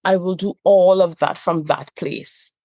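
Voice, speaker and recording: A Trinidadian woman from Trinidad and Tobago, a couples therapist and trainer, speaks in a reflective podcast interview, earnest and emphatic, repeating phrases for stress. Her voice is fairly low and a little mellow, with fairly even intonation and an unhurried pace. The studio-quality recording has no echo.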